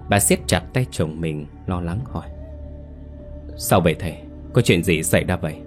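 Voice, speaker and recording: Guy reading a spooky story, really low voice, soft music behind. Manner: steady measured reading. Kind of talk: dramatic story narration. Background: faint music.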